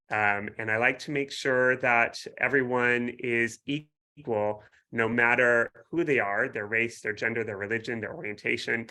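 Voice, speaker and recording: A man's voice: medium pitch, sharp tone. A man speaking as a guest author, explaining things casually in an enthusiastic, friendly way. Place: home basement.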